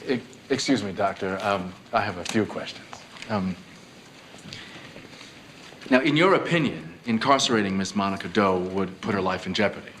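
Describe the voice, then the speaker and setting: A man's voice: low-pitched, animated, moderate pace, pauses often, a bit bright. Hesitant wry guy lawyer questioning in a tv courtroom drama, faint noise behind. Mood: probing. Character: hesitant but wry, probing male defense lawyer. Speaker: defense lawyer. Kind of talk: television courtroom drama acting.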